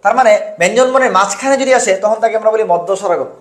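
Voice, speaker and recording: A man's voice: high-pitched, very fast, reverberant. A man tutoring students for a university entrance exam, drilling answers over and over and quizzing them. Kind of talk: online exam-prep lesson.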